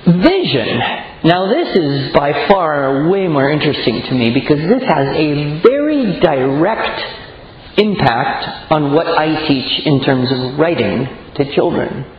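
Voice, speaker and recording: Man, teacher giving a talk, lively storytelling voice, fairly high, echoey hall, dull lo-fi recording. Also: slow, slight background noise. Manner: animated, storytelling with acted-out voices. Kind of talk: lecture to an audience. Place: large room with audience.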